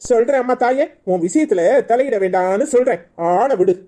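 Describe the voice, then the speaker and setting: A woman's voice: on the high side, fairly quick, warm tone, natural voice. A woman with a Kanyakumari Tamil accent voicing an exasperated, dismissive husband in a cartoon. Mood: irritated.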